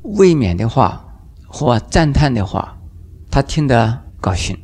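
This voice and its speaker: An older man, a Buddhist master, giving a dharma lecture in an unhurried way, drawing out his phrases and briefly acting out the voices in his examples. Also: medium pitch, very animated, darkish tone. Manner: unhurried, drawn-out phrases with sentence-final particles, acting out quoted voices.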